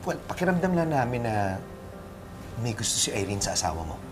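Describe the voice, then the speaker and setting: A man's voice: mid-range voice, very animated, brisk, natural voice. An actor playing a suspicious, gossipy but caring man in a TV drama, with a Filipino accent. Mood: concerned. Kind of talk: TV drama dialogue. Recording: music behind dialogue.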